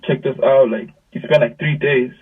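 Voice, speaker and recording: A young South African musician speaks at normal speed with a medium pitch as an interview guest. Chatting casually, he retells stories in lively slang and acts out what people said. The sound comes through a distant video call with a thin, phone-like quality.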